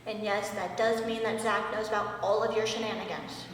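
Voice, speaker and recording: A woman's voice: mid-range voice, little pitch movement, moderate pace, slight background noise. A woman master sergeant giving an earnest, wry speech at her own promotion ceremony. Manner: earnest, wry, emotional at times. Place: large indoor hall. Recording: echoey hall, mic far off.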